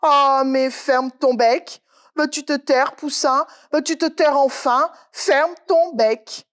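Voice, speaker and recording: A woman's voice: mid-range voice, expressive. Woman doing an exasperated farmyard chorus. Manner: loud, slow, exasperated shouting. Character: whole farmyard scolding a chick in chorus.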